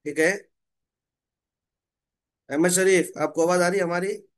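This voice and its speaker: A male religious reading teacher running an online class, patiently modelling and correcting syllables slowly. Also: sits high, steady tone.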